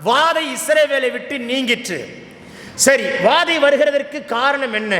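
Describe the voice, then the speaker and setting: In a large church hall, a male preacher with a Tamil Nadu accent delivers a Tamil Pentecostal sermon, urging the congregation and having them repeat after him. His very high voice is pushed and bright, slightly slow. The hall is echoey, with long reverb.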